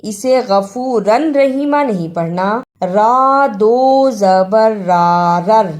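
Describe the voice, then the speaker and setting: A woman teaching recitation, chanting verses slowly and then explaining pronunciation rules and spelling out letters. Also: medium pitch. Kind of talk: slow recitation lesson with spelled-out letter drills.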